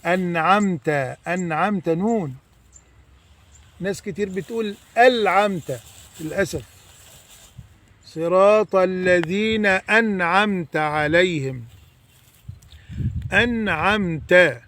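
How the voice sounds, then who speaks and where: A man with an Egyptian accent teaching correct Quran recitation, stretching out example words slowly and then explaining quickly. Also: high voice, fairly bright tone. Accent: Egyptian Arabic. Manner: slow drawn-out demonstration recitation between quick explanations. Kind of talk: tajweed lesson correcting recitation mistakes.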